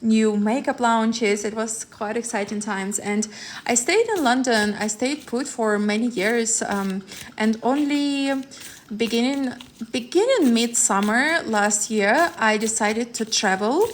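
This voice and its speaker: A woman's voice: on the high side, slow, a little hiss or hum. A woman, chatting on a live stream as a tarot reader, rambling with many fillers and restarts. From Ukraine. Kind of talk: live-stream chat with viewers.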